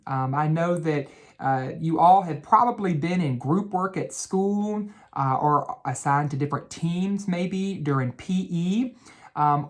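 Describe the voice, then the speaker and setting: A man reads aloud at bedtime for children as an educator, speaking gently and instructively and drawing out key words. His voice is a little high.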